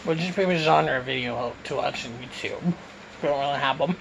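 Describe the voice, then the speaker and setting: A man's voice: a little high, fairly quick, creaky, a bit bright, slight background noise, low-quality recording. A man from Canada answering questions in a casual mukbang Q and A, talking with his mouth full as he eats, recorded on a phone. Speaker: YouTuber answering viewer questions.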